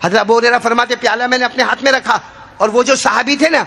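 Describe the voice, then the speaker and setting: A male preacher, telling a story in an animated, dramatic sermon style with shouted peaks. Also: extremely high pitch, vocal fry.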